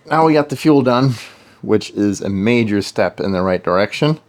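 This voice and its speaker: Here a native Swedish man from Sweden, speaking on the low side with a darkish tone, thinks aloud while working on his car in his home garage. It's casual work commentary aimed at viewers.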